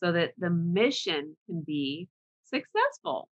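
A woman's voice: on the low side, very animated, slow pace, highs cut off. A woman hosting an interview podcast, encouraging her guest and summing up his points for her audience. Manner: encouraging, affirming, sums up for the audience. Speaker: podcast host. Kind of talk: interview conversation.

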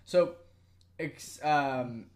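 A man's voice: on the high side, extremely slow. A man co-hosting a podcast, giving his opinions on an episode in informal chat. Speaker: podcast co-host. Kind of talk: casual opinionated review chat.

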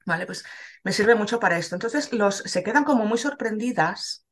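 Explaining woman guest, mid pitch. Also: expressive, normal speed, husky. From Spain. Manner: explanatory, checks in often with "¿vale?". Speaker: dog trainer, guest. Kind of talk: casual chat.

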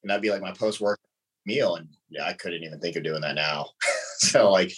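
Deep-voiced relaxed man in his thirties. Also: normal speed, husky, rough recording. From United States. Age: 30s. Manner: relaxed, laughs between answers. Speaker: podcast guest. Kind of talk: casual conversation.

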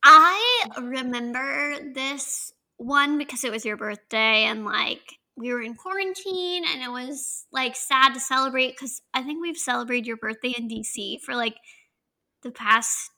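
A woman in her twenties with a Southern accent, co-hosting a podcast in casual chat, chatty and quick to laugh. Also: sits high, animated, creaky, bright, forceful tone, poor audio. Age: 20s. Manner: chatty, laughs often, draws out words. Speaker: podcast co-host.

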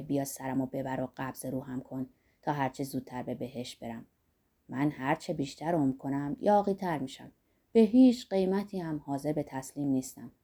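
A woman doing Zorba, a gruff old rebel. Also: extremely low pitch, mellow, pitched below the performer's own voice. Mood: defiant. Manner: earthy, blunt, boastful. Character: old rough lusty rebellious Greek man.

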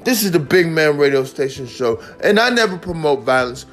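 A man hosting a mock talk-radio show, ranting excitably and repeating himself with lots of "like.". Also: fairly high pitch, brisk, soft background music. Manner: excitable, repetitive, peppered with "like". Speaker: host of a homemade radio-style show.

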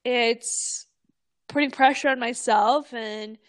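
A young woman co-hosting a podcast, telling stories in a lively, animated way, laughing often and swearing freely. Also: on the high side, slow. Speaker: podcast co-host. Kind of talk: casual podcast chat.

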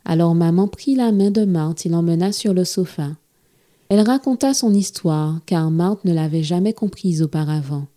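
A woman telling a storybook tale to children in a gentle, expressive reading style. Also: lowish voice, normal speed.

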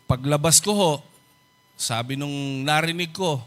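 A man's voice: fairly high pitch, a little slow, fairly bright tone. A man preaching as a pastor, telling a personal testimony in a polite storytelling manner and acting out the voices of the people in it. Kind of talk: sermon testimony.

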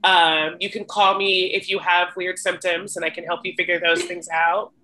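Bright-voiced, teasing young woman. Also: on the low side, flat delivery, normal speed, a little hiss or hum, rough recording. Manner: playful, teasing, many ums. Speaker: podcast co-host. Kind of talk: casual chat.

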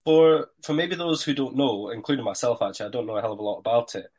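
A Scottish man hosts a sports podcast in a conversational way. His voice is a little croaky and hoarse, sitting at a middling pitch. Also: fast talker, darkish tone. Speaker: podcast host. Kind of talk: casual sports podcast chat.

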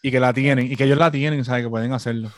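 A man, a co-host on a casual gaming podcast, loud and insistent, talking over the others. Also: mid-range voice, steady tone, quick pace, no room sound, studio quality.

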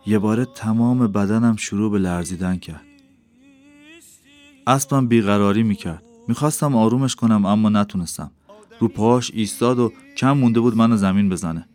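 Lowish male audiobook narrator. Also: a little mellow. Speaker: audiobook reader. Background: faint background music.

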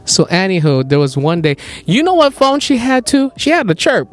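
A young man hosts a casual podcast chat and tells stories in a fairly high voice. He is animated and laughs often. He drops into quick impressions of other people as he goes. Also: soft background music. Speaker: podcast host.

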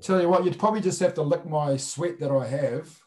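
A man's voice: fairly high pitch, brisk, crowd noise. A man with a broad New Zealand accent chatting casually as an interview guest, blunt and jokey with colloquial turns of phrase. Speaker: sports referee, interview guest.

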